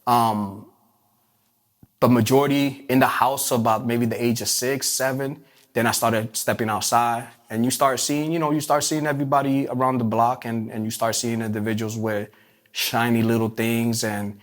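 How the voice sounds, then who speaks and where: This Puerto Rican man, an interview guest, tells his life story in a mid-range voice with fairly even intonation. His delivery is halting, full of fillers and restarts, and his phrasing is streetwise.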